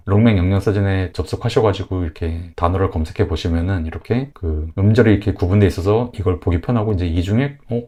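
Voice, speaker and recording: A Korean man teaching English pronunciation in a casual video lesson, explaining step by step and saying example words slowly. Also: low-pitched, mellow.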